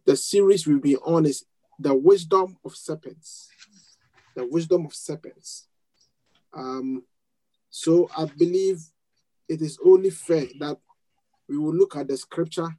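A man's voice: fairly high pitch, dark tone, rough recording. A man preaching a sermon to a congregation, leading a prayer and quoting scripture with rising, emphatic bursts. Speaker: pastor.

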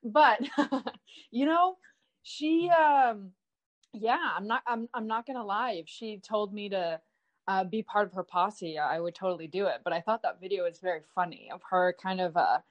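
A young woman talks in a loose, chatty way as a guest on an interview show. She circles her points with lots of fillers and repeats, and her voice sits at an ordinary middle pitch. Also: normal speed, highs cut off. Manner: chatty and animated, with many fillers and self-repeats. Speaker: guest, online comedian. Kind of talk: casual interview chat.

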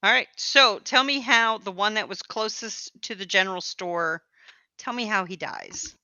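A woman's voice: mid-range voice, moderate pace, bright, forceful tone, no room sound, dull audio. A woman speaking as game master, casually narrating a tabletop game.

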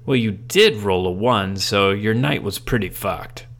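A man's voice: lowish voice, unhurried, a bit bright. A smug, laid-back imaginary friend talks in an easygoing, slightly raised voice, as a man plays him. He sounds pleased with himself.

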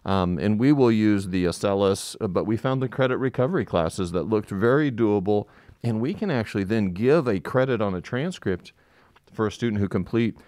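A man's voice: lowish voice, lively intonation, moderate pace, darkish tone, no echo, clean studio sound. A man speaking informally on a live school update, explaining things loosely, his voice slightly muffled by a face mask. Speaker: school administrator co-hosting a community update. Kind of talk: informal live podcast talk.

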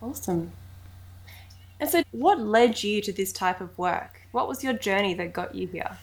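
Gravelly-voiced woman podcast host. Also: medium pitch, lively intonation, normal speed. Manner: warmly affirming, enthusiastic questions. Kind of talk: podcast interview.

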